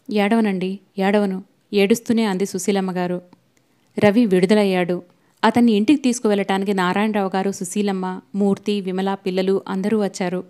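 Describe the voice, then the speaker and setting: A woman's voice: mid-range voice, mellow. A woman reading a novel aloud as an audiobook narrator, voicing every character's lines in her own voice. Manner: reads all characters' dialogue in her own voice.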